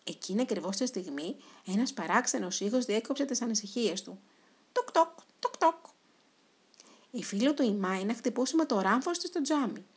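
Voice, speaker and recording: A woman narrating a children's storybook in an expressive, dramatic way. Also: medium pitch, few pauses, breathy edge.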